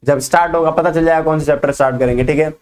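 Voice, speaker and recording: A male teacher with a high, bright-sounding voice races through a business studies lesson in quick-fire sprinkled with terms. He keeps checking in with his students through rapid questions, in an energetic classroom lecture style that never slows down. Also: clean tone. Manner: fast-talking, quizzes students with quick questions.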